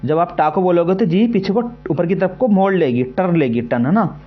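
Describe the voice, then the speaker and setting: A man teaching an exam-prep lesson, repeating himself often and slowly sounding out syllables to demonstrate them. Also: high voice, lively intonation, dull audio, faint music behind. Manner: repetitive, keeps asking "है ना" and "ठीक है".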